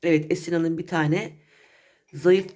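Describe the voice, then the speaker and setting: A woman's voice: deep voice, steady tone, a little slow, a little mellow. A woman in her thirties, a mother and family vlogger, chatting in a coaxing way to her child and her viewers. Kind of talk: family vlog chat.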